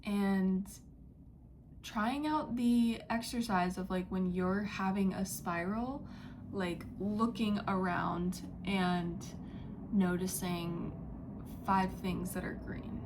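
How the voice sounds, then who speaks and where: A young woman giving a spiritual channeling message, talking in a halting, dreamy way with many fillers and slipping into soft whispers. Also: medium pitch, fairly even intonation, noisy background. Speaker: psychic channeler. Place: indoors near a window, street and birds outside.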